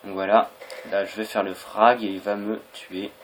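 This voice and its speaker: A young man with a fairly low voice commentates casually on a video game. His delivery is hesitant and rambling, and the homemade recording has clear noise behind the voice. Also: flat delivery, moderate pace, rough recording. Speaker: gaming video creator.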